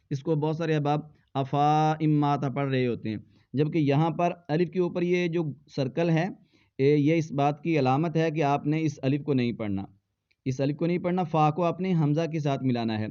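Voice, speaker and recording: A man teaching Quran recitation in a fairly high, smooth and resonant voice. He spells each word out letter by letter, then chants it slowly and draws it out. The sound is dull and lo-fi. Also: dark tone. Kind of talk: slow spelled-out recitation lesson.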